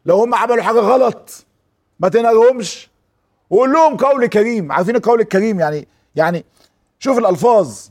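A man speaking with an Egyptian Arabic accent, giving a religious lesson to an audience and acting out quoted speech as he tells stories. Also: high voice. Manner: animated storyteller who acts out quoted speech. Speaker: preacher.

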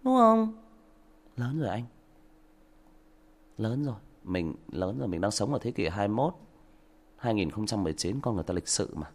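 Gravelly man lecturing a commenter. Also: lowish voice, big pitch swings, normal speed, long pauses. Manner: lecturing, mock-polite, emphatic rhetorical questions. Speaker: audiobook livestream host. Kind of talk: livestream monologue to a commenter.

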